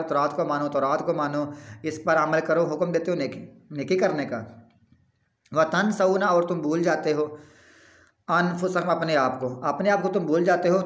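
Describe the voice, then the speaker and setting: Man explaining scripture in an echoey room. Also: fairly high pitch. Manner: recites Arabic verses slowly, then explains them in plain speech. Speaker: religious teacher. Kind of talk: Quran commentary lesson.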